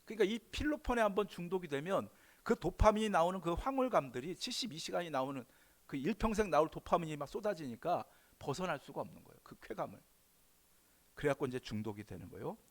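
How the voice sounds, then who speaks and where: A male pastor preaching a sermon in an animated way, swinging between loud emphatic bursts and quiet asides. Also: a little high.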